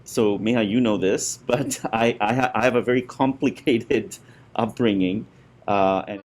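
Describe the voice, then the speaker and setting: Low-voiced middle-aged man from India. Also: fairly even intonation, a little slow, darkish tone. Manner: hesitant, many fillers and restarts. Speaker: guest, school parent and former board member. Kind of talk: conversational interview.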